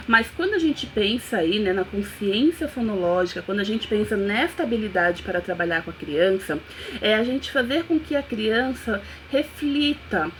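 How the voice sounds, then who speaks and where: A woman's voice: on the high side, a little hiss or hum, low-quality recording. A woman, a neuropsychopedagogue, giving a casual teaching talk with a chatty, explanatory manner. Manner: chatty, explanatory, many "né" fillers.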